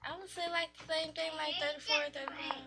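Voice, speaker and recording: A woman's voice: high-pitched, fairly even intonation, fast talker, pushed and bright. A woman hosting a radio interview, asking playful questions between laughs. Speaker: host.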